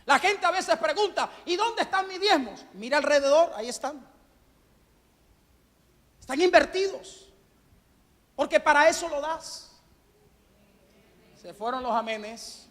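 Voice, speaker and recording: A man's voice: very high-pitched, lively intonation, a little slow, pauses often, a bit bright. A man preaching a sermon to his congregation at a Sunday church service, fervently asking them questions and calling for amens. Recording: long church-hall reverb.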